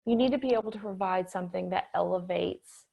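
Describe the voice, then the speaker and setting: Woman presenter, gravelly edges, on a spotty video call with uneven, dropping volume. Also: fairly low pitch, fast, lo-fi sound. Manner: steady explaining with filler "um"s. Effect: audio cutting in and out, uneven volume. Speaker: webinar speaker. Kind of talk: business talk on a video call.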